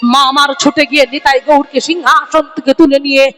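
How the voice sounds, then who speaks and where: A woman's voice: sits high, little pitch movement, fairly quick, a bit bright. Brief: woman devotional storyteller, vivid delivery, crowd call-outs, music under, echoey hall. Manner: dramatic, calls out to the audience. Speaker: kirtan singer and storyteller.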